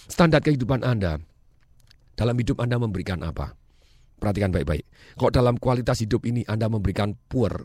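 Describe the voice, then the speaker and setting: Man, motivational speaker, rapid-fire delivery, emphatic, dry close recording. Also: on the low side, dry recording. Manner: energetic, emphatic, mixes English phrases, laughs. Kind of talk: motivational talk.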